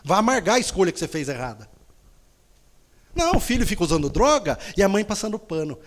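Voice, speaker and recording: Lively, teasing woman preaching with humor. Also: mid-range voice, fast talker. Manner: playful storytelling, acts out voices, blunt teasing.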